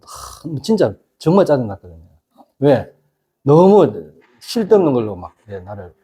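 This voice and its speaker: A middle-aged pastor preaching a casual youth sermon, constantly asking the congregation whether they agree. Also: male voice, medium pitch, dark tone, breathy edge. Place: church youth service.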